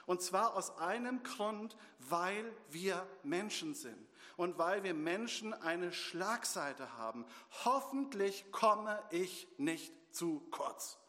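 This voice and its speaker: Guy preaching in church, fairly high voice, lots of rhetorical questions, long hall echo. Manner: lively, asks and answers rhetorical questions. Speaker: pastor. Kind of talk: sermon.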